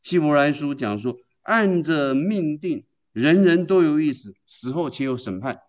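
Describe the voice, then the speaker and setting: A man's voice: fairly high pitch, expressive, measured pace. Emphatic male preacher asking questions. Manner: asks the congregation rhetorical questions and answers them; emphatic, storytelling delivery. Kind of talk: sermon.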